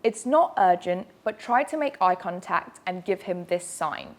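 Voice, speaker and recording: A woman's voice: fairly low pitch, expressive, unhurried, a little mellow. A woman presenting an instructional safety briefing, explaining directly with emphasis and reassurance. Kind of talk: instructional video narration.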